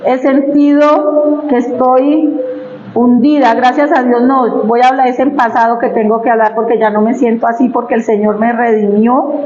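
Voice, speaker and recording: A woman's voice: fairly high pitch, steady tone, normal speed, a little mellow. A woman preaching a sermon, sharing personal testimony in a conversational, emotional way and asking the congregation questions. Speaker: church preacher. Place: church hall. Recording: echoey, dull church recording.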